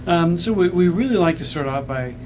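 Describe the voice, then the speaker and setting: A man's voice: fairly high pitch, animated, fairly quick, background noise. A man co-hosting a local TV show, introducing a guest and asking friendly questions. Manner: friendly, laughs along, asks questions. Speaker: co-host. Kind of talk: casual TV interview.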